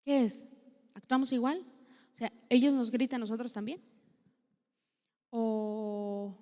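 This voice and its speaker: A woman's voice: on the high side, steady tone, fairly quick, warm tone. A woman with a Mexican accent gives a chatty, conversational sermon at a women's church meeting and asks many rhetorical questions. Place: church hall. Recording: long hall reverb.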